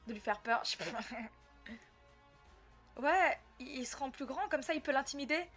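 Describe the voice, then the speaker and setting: A woman giving casual commentary on a horror game, reacting excitedly and chatting with her viewers. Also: high voice, moderate pace, soft background music. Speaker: let's play gamer.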